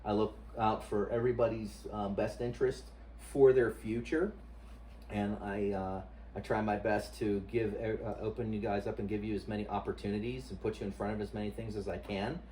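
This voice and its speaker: A man with a fairly low voice gives casual interview answers as a husband. He speaks haltingly, often repeating words while he looks for the next one. The mic is some way off, with a little background noise. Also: steady tone, mellow. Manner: hesitant, searching for words, repeating himself. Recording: distant mic, noisy room ambience.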